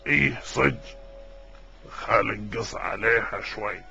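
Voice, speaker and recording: A scheming cartoon villain, acted by a man, gravelly and bright, speaking in a Bahraini Gulf Arabic accent. He bargains slyly in a comic dub, with music behind him. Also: on the low side, unhurried, lo-fi sound, full character voice. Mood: sly, promising.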